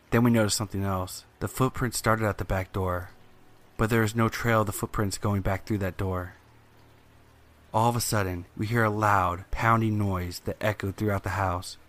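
Low-voiced man narrating suspenseful horror. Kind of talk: scripted first-person horror narration. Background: music under the voice.

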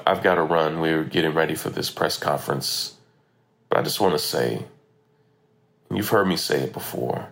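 An American man hosting a podcast, speaking emphatic, impassioned commentary informally, recorded roughly on a phone voice memo. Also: a bit bright. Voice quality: gravelly, creaky low voice. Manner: emphatic, repeats phrases for stress. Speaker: podcast host.

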